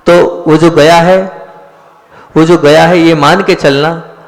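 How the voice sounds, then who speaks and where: A man's voice: on the high side, fairly even intonation, slow pace. A man, a Jain monk, giving an earnest sermon, repeating key lines and asking his listeners rhetorical questions. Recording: long hall reverb.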